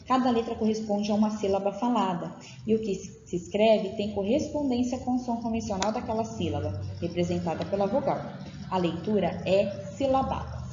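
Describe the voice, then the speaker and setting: A woman's voice: medium pitch, warm tone. A woman leading a teacher training lecture, explaining patiently and often checking in with her listeners. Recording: dull, echoey room audio with faint noise.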